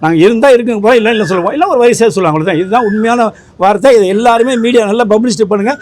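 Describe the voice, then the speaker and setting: A man who leads a film association, talking fast and with emphasis at a press interview, rambling and repeating himself. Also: high voice.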